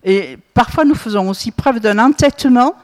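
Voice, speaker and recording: A woman's voice: a little high, moderate pace, a little mellow. Lady teaching a bible group, keeps asking "hein?", big hall echo. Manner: asks the group questions, frequent tag "hein?" and "hmm?". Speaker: Bible study leader. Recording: long reverb in a hall.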